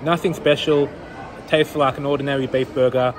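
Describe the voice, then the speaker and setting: A man's voice: mid-range voice, steady tone, moderate pace. A young Australian man reviewing food in a casual vlog, chatting to viewers with his mouth full. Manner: chatty, addresses viewers as guys. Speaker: vlogger.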